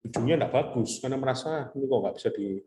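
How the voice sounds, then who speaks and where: A man's voice: medium pitch, fast, a little mellow, echoey room, a little hiss or hum, poor audio. A man giving a casual classroom lecture, chatty, mixing in English terms and telling anecdotes.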